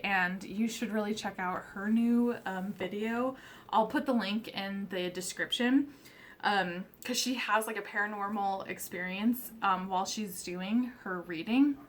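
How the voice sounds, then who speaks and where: Young woman vlogger, slow and chatty, Valley girl manner, lots of ums and likes. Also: medium pitch, fairly bright tone. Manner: chatty, rambling, many likes and ums, laughs often; upbeat Valley girl way of talking. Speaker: tarot channel host. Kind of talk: casual chat to camera.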